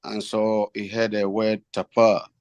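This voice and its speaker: Lowish, dry-sounding man asking reverently. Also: little pitch movement, measured pace, a little mellow, dry recording, highs cut off. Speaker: devotee asking a question. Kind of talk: formal, reverent spoken question.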